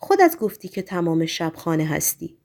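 A woman reading the part of an anxious young man in love, speaking in a hushed, pleading way. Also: fairly low pitch, big pitch swings.

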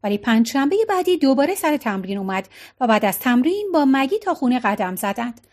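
A woman narrating an audiobook in an expressive storytelling manner. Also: high voice. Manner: expressive storytelling, lightly voicing each character's lines.

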